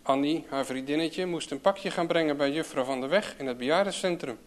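A man reading a children's story aloud in a calm, even storytelling manner. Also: a little high, brisk. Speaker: narrator.

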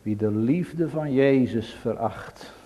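A man preaching a sermon to his congregation in a church, solemn and pleading, swelling to loud emphatic peaks. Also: medium pitch, slow pace. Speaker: pastor.

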